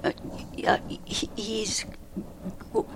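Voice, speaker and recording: A woman speaking haltingly and searching for words, often in a breathy half-whisper, with clear noise behind her. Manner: halting, searches for words, repeats short agreements. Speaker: group member.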